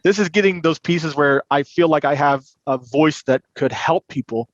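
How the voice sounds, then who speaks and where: A man with a slightly high voice speaks at a moderate pace as an expert guest on a podcast, where he works as a credit union compliance and recovery manager. He explains things earnestly and conversationally, and the audio sounds muffled and roomy.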